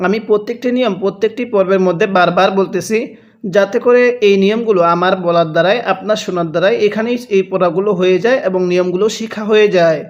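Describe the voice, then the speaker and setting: A man teaching Quran reading, drawing out each recited word very slowly and then explaining the rules briskly, often asking listeners to repeat after him. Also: high voice, muffled recording. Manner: repeatedly asks listeners to read along with him. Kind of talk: slow recitation drill with quick spoken explanations.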